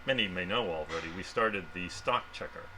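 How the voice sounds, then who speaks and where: Low-voiced man amid clear warehouse noise. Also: fairly quick. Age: middle-aged. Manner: speaking through a face mask. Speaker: company representative giving a warehouse tour. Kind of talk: informal guided tour. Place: large indoor warehouse. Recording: noisy warehouse ambience.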